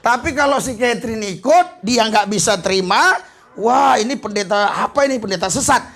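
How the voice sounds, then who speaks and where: A high-voiced male pastor from Indonesia preaching a lively sermon, telling a story and scattering hallelujahs between lines. His voice is husky, and his speech slips into easy, slangy talk. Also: moderate pace. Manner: animated storytelling, peppered with hallelujahs.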